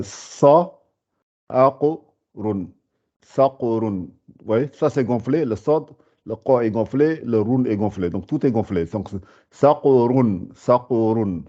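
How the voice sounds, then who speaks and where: Patient teacher with a low, dark voice. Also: male voice. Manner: patient, repeats sounds slowly, many fillers and restarts. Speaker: Arabic teacher. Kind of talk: live beginner Arabic class. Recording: dull lo-fi sound.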